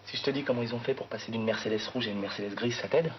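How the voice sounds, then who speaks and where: An actor playing a cocky, teasing driver in film dialogue. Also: male voice, medium pitch, fast talker, natural voice. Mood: confident. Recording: dull film soundtrack with noise.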